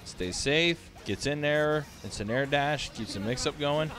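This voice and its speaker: A man's voice: a little high, unhurried, a bit bright. A sleepy man casually commentating fighting game matches on a live stream, thinking aloud with many fillers. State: sleepy, yawning.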